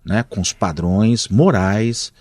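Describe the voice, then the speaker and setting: A man from Brazil, a guest reporter on a podcast, laying out a measured argument with rhetorical questions. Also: fairly low pitch, darkish tone, no echo, studio quality. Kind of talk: podcast interview analysis.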